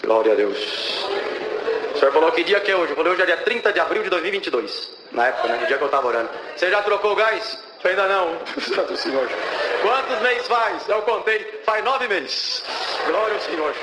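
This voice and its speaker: A young Brazilian man gives a fervent testimony at a church service in a high, expressive voice at a fairly quick pace. He keeps breaking off to praise God, and the echoey church hall carries background noise and faint ambience.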